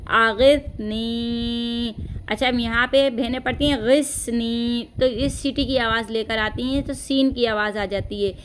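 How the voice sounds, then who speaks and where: A woman teaching recitation as a patient, corrective teacher, chanting slow phrases and then explaining each one. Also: a little high, a bit bright, a little hiss or hum. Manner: patient, corrective, says "theek hai" often.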